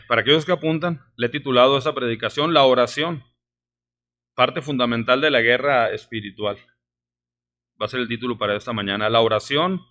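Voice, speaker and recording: Pastor mexicano enfático predicando. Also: male voice, medium pitch, sharp tone. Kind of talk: sermon. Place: church sanctuary.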